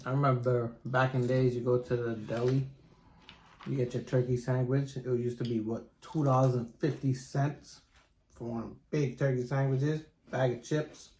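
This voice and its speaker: A woman with a strikingly low voice hosts a casual eat-with-me chat. She talks while chewing her food. The room is echoey, with a little background noise. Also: level tone, normal speed, warm tone. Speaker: eating-show host. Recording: roomy echo, faint background noise.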